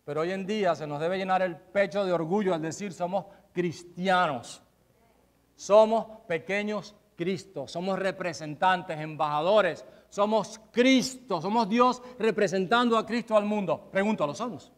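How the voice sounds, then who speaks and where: A male pastor preaching a sermon, swinging between loud emphasis and quiet asides and asking the congregation rhetorical questions. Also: sits high, moderate pace, hardly any pauses.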